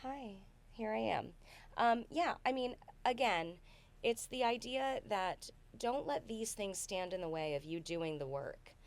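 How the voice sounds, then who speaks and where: A woman hosting an online acting Q&A over a video call, chatty and agreeable, often chiming in with quick replies. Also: medium pitch, expressive. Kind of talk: casual conversational chat.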